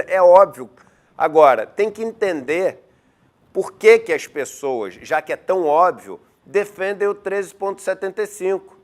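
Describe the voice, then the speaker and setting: Forceful rhetorical male news host. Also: high voice. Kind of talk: news commentary.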